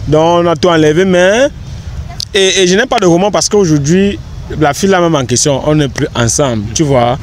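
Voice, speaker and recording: A man's voice: fairly high pitch, normal speed. A young man, answering questions on a park bench in an earnest, rambling way with many restarts. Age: young adult. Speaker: interviewee, content creator. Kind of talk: casual outdoor interview. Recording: faint outdoor street noise.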